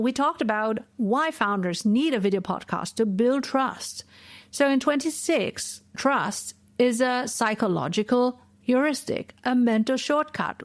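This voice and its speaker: A woman's voice: on the high side, dry recording. A woman in her forties hosting a solo podcast from her home office, explaining her points in a lecturing way and often adding "right?". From Asia. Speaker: podcast host.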